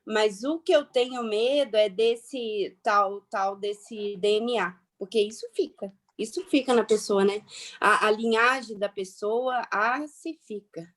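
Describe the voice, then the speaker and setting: A woman's voice: mid-range voice, unhurried, lightly acted. A woman acting a flustered, self-righteous middle-class matron in a hammy dramatic reading, theatrical and emphatic, repeating herself as she rambles. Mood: defensive. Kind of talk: dramatic reading, satirical monologue.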